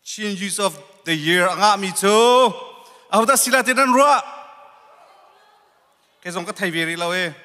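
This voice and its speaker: A man presents an award in a bright, high, forceful voice and a ceremonial manner. His words ring with the long reverb of a big hall. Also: moderate pace, pauses often. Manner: formal, ceremonial. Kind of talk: stage announcing.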